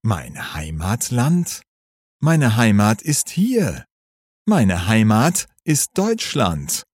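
A man voicing an earnest, studious teenage schoolboy in a read-aloud story, speaking slowly and carefully. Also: on the low side, huge pitch swings, slightly rough, no echo, heavily acted. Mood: indignant.

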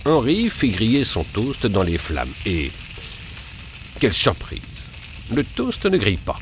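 A man narrating a children's adventure story in an expressive reading. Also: on the low side, measured pace, a little hiss or hum.

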